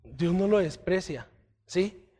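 Man, church bible teaching, conversational, keeps checking in with listeners, slightly high voice. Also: slow, mellow. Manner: checks in with listeners, often asking "¿sí?".

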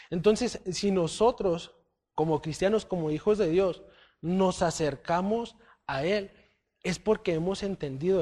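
A man's voice: high voice, a little mellow. A man giving a conversational Bible teaching, often checking in with his listeners. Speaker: church teacher.

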